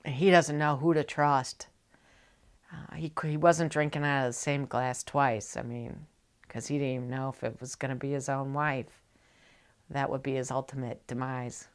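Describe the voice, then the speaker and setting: Low-pitched Pittsburgh woman, halting and emotional. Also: level tone, clear, resonant tone. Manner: halting, emotional, dropping to hushed near-whispers. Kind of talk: personal storytelling, recounting childhood memories. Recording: music behind the voice. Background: plucked guitar music.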